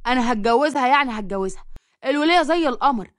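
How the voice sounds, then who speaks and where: A tactless widower blurts out compliments in rapid Egyptian speech, as a woman puts him on. The voice sits fairly high and is recorded dry and close, with nothing behind it. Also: animated, no echo. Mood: brash. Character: brash widowed middle-aged man, smitten and tactless.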